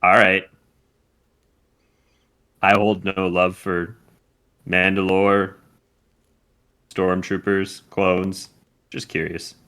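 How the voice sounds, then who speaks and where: A man's voice: deep voice, little pitch movement, very slow, pauses often, fairly bright tone. A man playing a tabletop game who talks in a blunt, joking way. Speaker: player. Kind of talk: casual tabletop play.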